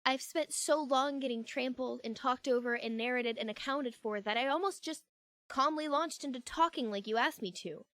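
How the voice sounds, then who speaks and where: Here a woman performs a young female character for a fan audio drama, her voice fairly high and fairly bright at a moderate pace. Her delivery is emphatic and everyday, earnest and friendly with a newfound assertiveness. The audio is close, dry and free of echo.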